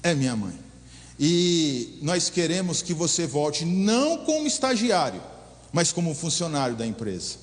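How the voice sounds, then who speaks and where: A man's voice: fairly high pitch, very animated, unhurried, pitched below the performer's own voice. A man voicing a company director who speaks formally and apologetically. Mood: apologetic. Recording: long hall reverb.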